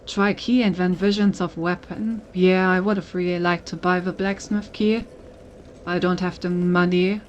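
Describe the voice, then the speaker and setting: Here a woman streamer talks through her game casually, thinking out loud and reading text off the screen. Her lowish voice holds a steady tone at normal speed, and the dull-sounding audio has a slight hiss or hum.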